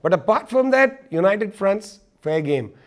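A man with a notably high speaking voice talks as a guest in a political discussion. He is emphatic and hammers points home through repetition. He slips in wry, sarcastic asides. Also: very animated, a little slow. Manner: emphatic, repeats key points. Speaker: interview guest.

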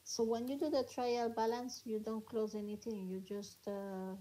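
Woman student, soft dark tone, halting and unsure, thinks aloud through each entry. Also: fairly high pitch, level tone, low-quality recording. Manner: hesitant, halting non-native phrasing. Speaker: accounting student. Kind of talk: casual one-on-one tutoring.

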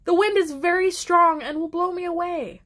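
A woman voicing a bossy, excitable little girl in a storybook read-aloud. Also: high voice, a little slow, full character voice. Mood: protesting.

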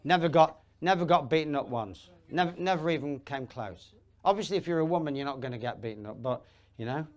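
A man giving a live seminar talk, emphatic and rambling, with restarts and asides, swinging between loud bursts and low asides. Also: a little fast, hardly any pauses. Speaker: seminar speaker. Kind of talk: live motivational talk to an audience.

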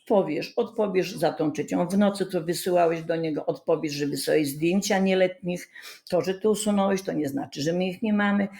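A woman's voice: lowish voice, brisk, vocal fry, dark tone. A woman ranting indignantly on her livestream from bed at home, scolding someone with emphatic repetition. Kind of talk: casual livestream rant.

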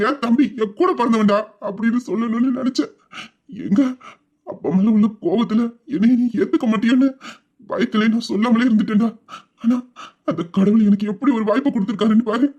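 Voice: medium pitch, darkish tone, dull audio, lightly acted. A performer voicing a loving young elder brother who pleads tearfully and repeats his words, in an amateur audio drama.

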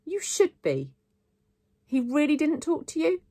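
A woman's voice: high voice, huge pitch swings, unhurried, dark tone, no echo, voice pushed up, heavily acted. A woman reading as a sulky, guarded ten-year-old boy. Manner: sulky, accusing.

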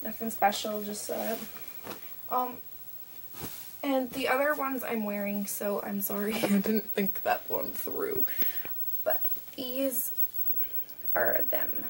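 Slow and gravelly, with a slightly high, steady tone and frequent pauses, a young Canadian vlogger chats casually through a haul video, rambling with fillers. She sits in a small bedroom, picked up by a webcam mic at desk distance with faint hiss.

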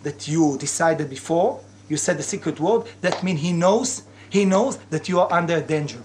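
A man's voice: on the high side, lively intonation, normal speed. A man who gives instructions in an insistent way. He is recorded from a distance outdoors, with faint insects and ambient noise behind him. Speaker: security trainer.

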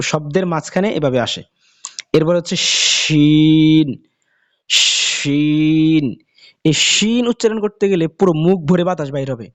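A man with a teaching Quran reading in a casual spoken lesson, explaining letters and drawling each letter name slowly again and again. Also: fairly high pitch.

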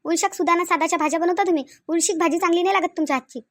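A woman's very high, fairly bright voice races along very fast as she plays a domineering, miserly rural mother-in-law in a cartoon comedy. Scolding in a Varhadi Marathi accent from Vidarbha, she nags sarcastically and fires off rhetorical questions.

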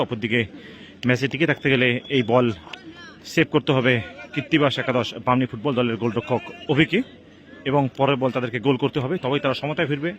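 A man giving live, excited play-by-play football commentary at an outdoor match. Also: mid-range voice. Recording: crowd and outdoor noise behind. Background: outdoor crowd at a local football match.

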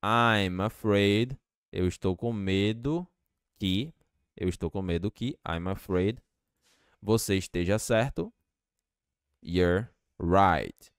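Man, language teacher, unhurried, low smooth voice, dry sound. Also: dry recording. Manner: slow, repeats English phrases patiently. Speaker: English teacher. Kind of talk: teaching English from Portuguese.

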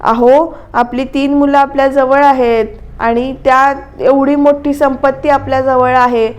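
A woman's voice: high voice, flat delivery, unhurried, highs cut off. A woman voicing an aging mother who pleads with and soothes her husband. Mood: pleading.

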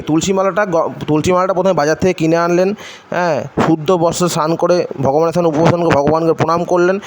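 A man from Bengal giving a devotional lesson at an unhurried pace, asking his own questions and answering them, with mantras chanted in between. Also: on the high side. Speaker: religious teacher. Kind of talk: devotional instruction video. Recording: faint background noise.

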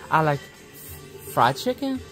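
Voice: medium pitch, big pitch swings, unhurried, fairly bright tone, soft background music. A puppeteer voicing a cranky grandma puppet. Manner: blunt, cranky, rambling. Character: grumpy man-hating older woman puppet, sixties. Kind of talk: puppet comedy sketch.

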